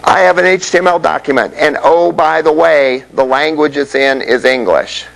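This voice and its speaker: A man's voice: on the high side, normal speed, creaky, a bit bright, low-quality recording. A man teaching a web development class in a classroom, explaining things conversationally and often checking in with the students. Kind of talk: classroom lecture.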